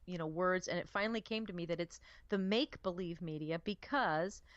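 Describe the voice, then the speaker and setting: A woman co-hosting a casual talk radio show, animated and playful, acting out quoted voices with emphasis. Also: lowish voice, brisk, no room sound, dull audio. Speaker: radio co-host.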